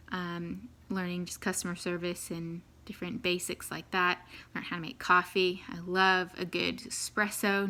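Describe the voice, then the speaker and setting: Kiwi woman rambling thru her life story, bright voice, kinda flat, lots of ums. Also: fairly low pitch. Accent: New Zealand. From New Zealand. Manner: chatty, laughs easily, many ums. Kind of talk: casual personal story to camera.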